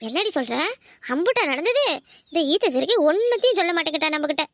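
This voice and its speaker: Nosy village gossips in a cartoon, voiced by a woman, trading spiteful talk about the neighbours. The voice is very high-pitched and dry, recorded close with no room sound. They sneer and tut as they talk. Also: sing-song, fast talker, fairly bright tone, no room sound, full character voice. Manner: gossipy, scornful. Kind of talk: cartoon voice acting.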